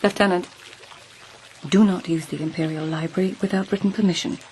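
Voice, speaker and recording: A woman's voice: fairly low pitch, steady tone, a little fast, a little mellow, a little hiss or hum, natural voice. Shonagon, a woman playing a poised court lady. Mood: composed. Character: sharp-witted court lady, poised and proud. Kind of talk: radio drama acting.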